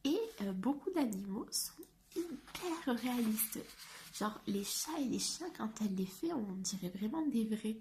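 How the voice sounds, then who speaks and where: A woman reviewing a coloring book in a soft, often half-whispered voice, hesitant and chatty. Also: on the high side, expressive, measured pace, a little hiss or hum. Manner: hesitant, with frequent fillers.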